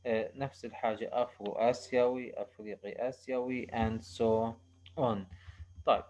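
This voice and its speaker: A male university lecturer, explaining slowly and haltingly in English and switching quickly into for examples. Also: medium pitch, steady tone, darkish tone. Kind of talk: recorded lecture.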